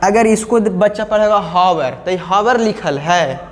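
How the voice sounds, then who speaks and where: With a high, lively voice and an unhurried pace, a male teacher takes his students through grammar one step at a time. He repeats key words and often asks the class questions, his voice echoing with long hall reverb.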